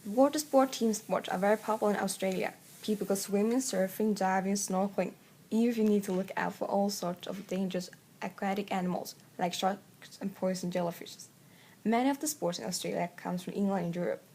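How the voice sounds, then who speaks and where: A woman's voice: mid-range voice, brisk, gravelly, dark tone, slight background noise. A teenage girl with a Swedish accent reads a school presentation in English, with small slips. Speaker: student presenter. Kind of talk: school presentation read aloud.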